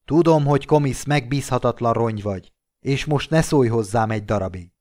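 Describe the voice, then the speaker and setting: A man's voice: medium pitch, a little mellow, no echo, clean studio sound, close to an everyday voice. A man voicing a cold, arrogant young ladies' man who speaks with contempt, in an audiobook reading. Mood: contemptuous.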